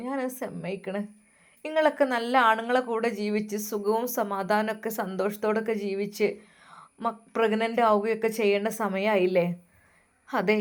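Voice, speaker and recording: A woman doing a soft, coaxing old mother-in-law. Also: medium pitch, close to an everyday voice. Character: older mother-in-law, pleading and guilt-tripping.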